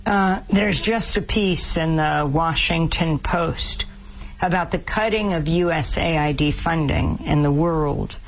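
An interviewer asking pointed, deliberate questions and reading out quotes. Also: mid-range voice, low-quality recording.

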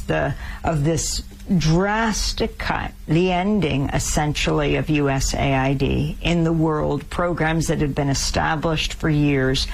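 Deliberate interviewer, mid pitch, gravelly edge, pointed questions. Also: a little hiss or hum, low-quality recording. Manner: pointed, deliberate questioning with long read-out quotes.

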